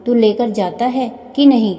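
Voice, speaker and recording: A scornful old mother-in-law from a storybook tale, put on by a woman narrator. She speaks slowly in a very dark, mellow tone, heaping taunts on everyone around her. The voice rings with a long hall reverb. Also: on the high side, natural voice. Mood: scolding. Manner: taunting, sharp-tongued.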